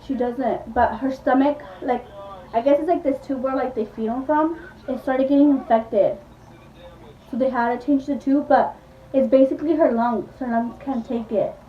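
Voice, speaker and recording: A woman's voice: sits high, fairly even intonation, moderate pace, recorded from a distance. A woman vlogger casually retelling a movie plot, rambling with lots of "like" and acting out the characters' lines. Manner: rambling, full of "like", acts out quotes. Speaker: beauty vlogger. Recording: echoey room, voice from off-mic, dull sound.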